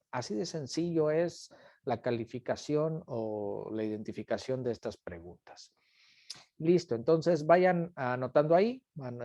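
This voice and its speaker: A man's voice: mid-range voice, warm tone, no room sound. A man teaching an online class, patiently repeating each question and calling on students by name. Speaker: instructor.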